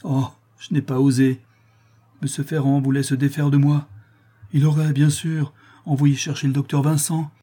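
Male reader as young servant woman, tearful, pleading, husky tone. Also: mid-range voice, warm tone, close to an everyday voice.

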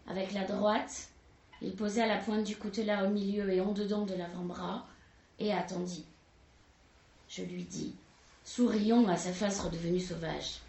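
A woman giving a slow, expressive dramatic reading of a literary text at a public talk. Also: mid-range voice, vocal fry. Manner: slow, expressive, raises voice for quoted cries. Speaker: reader of literary excerpts. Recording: roomy, distant mic.

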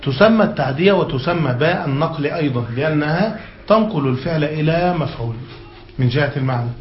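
Male grammar teacher with a fairly high voice, reading a text aloud and explaining it to a class, often asking whether they follow; echoey, muffled recording. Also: animated, fast talker. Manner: keeps checking that students follow; reads passages aloud, then explains them. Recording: echoey, dull lo-fi room recording with faint hiss.

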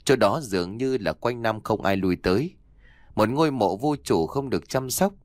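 A man voicing a calm, wise old male exorcist master who speaks in a measured, instructive way. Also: fairly low pitch, dry recording, close to an everyday voice.

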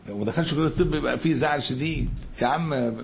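An Egyptian man teaches a religious lesson in a gravelly voice with some fry. He keeps asking rhetorical questions and answering them, and moves from everyday colloquial talk into recited scripture. The lo-fi lecture recording sounds dull, with a faint hiss of background noise behind him. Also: on the high side, rapid-fire. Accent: Egyptian Arabic.

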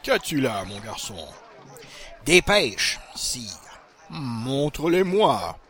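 A man voicing a hot-tempered, greedy old king in a storybook reading, shouting and blustering. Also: mid-range voice, very animated, very slow, heavily acted. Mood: questioning.

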